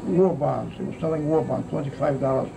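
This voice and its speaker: A very elderly American man, perhaps in his 90s or older, recalls his wartime childhood as a grandfather in a casual oral-history reminiscence. His creaky, aged, mid-range voice rambles haltingly, often tagging thoughts with "see," over a noisy, steady insect-like hum.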